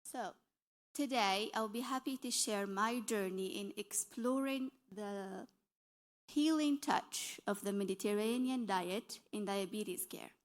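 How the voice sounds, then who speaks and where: A woman's voice: mid-range voice, slow. A young woman from Algeria giving a conference presentation as a dietitian, explaining earnestly and correcting herself as she goes. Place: conference session hall.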